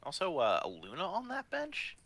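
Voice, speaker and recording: Bright-voiced male esports analyst. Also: sits high, wildly swooping pitch, normal speed. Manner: analytical, explains strategy. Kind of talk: live game commentary.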